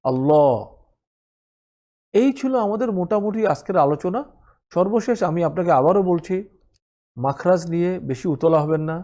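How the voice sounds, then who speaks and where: A man's voice: high voice, fairly quick, mellow. Patient man teaching Quran recitation. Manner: patient, explains step by step, repeats sounds for practice. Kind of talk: spoken lesson with recited examples.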